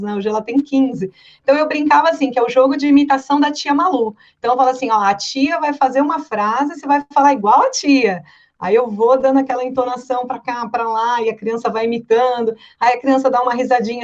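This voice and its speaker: A woman from Brazil, a voice-over artist, chatting casually and telling stories with lively quoted voices. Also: on the high side, dull audio. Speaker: voice-over artist and director, guest. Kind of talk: casual podcast chat.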